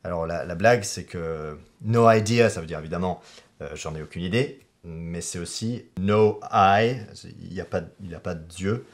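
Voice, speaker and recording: A man's voice: deep voice, normal speed. A man telling a pun and muttering a tangled explanation that trails off. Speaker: guest comedian. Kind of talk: deadpan joke explaining.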